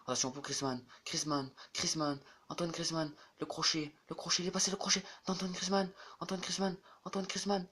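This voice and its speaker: Excitable young man calling his football game. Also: on the high side, brisk, hardly any pauses, slightly rough. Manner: excitable, repeats player names over and over, bursts into shouts. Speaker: gaming YouTuber. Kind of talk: casual let's-play commentary over a football video game.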